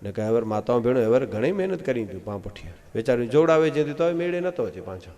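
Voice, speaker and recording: A katha storyteller from Gujarat gives a devotional discourse full of folk stories at a live outdoor religious gathering, recorded through a PA. His medium-pitched voice moves quickly as he animatedly voices the wife and husband characters, rising loud at the punchlines.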